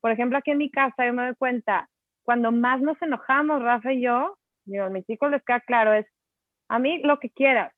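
A woman with a Mexican Spanish accent co-hosts a casual conversation, telling stories in an animated, chatty way full of fillers. Her voice is fairly high and a little fast. The recording is dry and tinny, like a phone, with no room sound.

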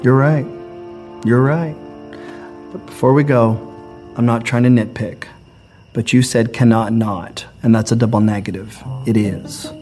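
A man's voice: mid-range voice, fairly even intonation, a little slow, pauses often, a little mellow, faint music behind, close to an everyday voice. A man playing a fussy, anxious shepherd in a comedic church skit, nitpicking and pleading.

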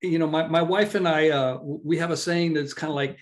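A man's voice: a little high, steady tone, fairly quick. A middle-aged man, a podcast guest, speaking in a reflective, thoughtful way in casual conversation.

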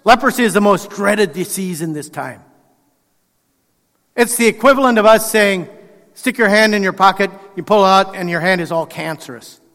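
A man with a high voice preaches in a loose, conversational way, acting out the quotes and restarting his phrases as he goes. His voice rings out with a long reverb, like a big church hall. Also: normal speed, a bit bright. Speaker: pastor. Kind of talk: sermon.

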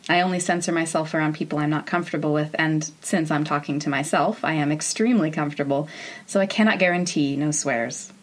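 A woman's voice: low-pitched, brisk. An American woman in her thirties, from Oregon, narrating an educational show in an informal, wry, candid way. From Oregon, United States. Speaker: podcast host. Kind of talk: semi-scripted educational narration about space history.

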